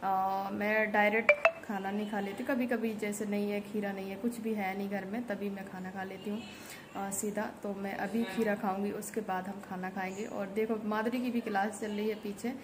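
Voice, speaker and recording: A woman's voice: mid-range voice, moderate pace. Chatty woman vlogging at home. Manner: chatty, rambling, with frequent "uh" fillers. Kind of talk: casual daily vlog talk to camera. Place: indoors at home. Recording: steady background noise in a home.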